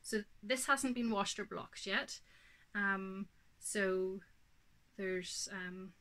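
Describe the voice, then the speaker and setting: This Northern Irish host, a woman in her thirties, has a mid-range voice that sounds pushed and bright. She sits in her home craft room doing a casual knitting show-and-tell for her podcast, chatty and relaxed, peppered with ums and a touch snuffly from hay fever.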